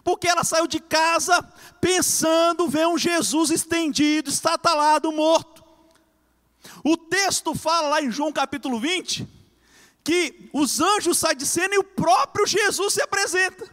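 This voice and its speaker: A man preaching a fervent sermon, swinging between loud cries and hushed lines. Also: very high-pitched, big-room sound.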